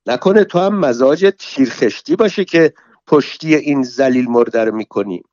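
A man's voice: mid-range voice, expressive, no echo, highs cut off, lightly acted. A man voicing a foul-mouthed, quarrelsome middle-aged woman, hurling insults while reading a story aloud. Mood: scolding. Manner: shouting insults, scolding.

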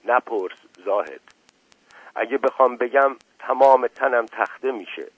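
A man's voice: medium pitch, dry recording, phone-quality sound, voice pushed up, lightly acted. A man reading aloud as a frightened villager who pleads not to be questioned. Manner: fearful, pleading.

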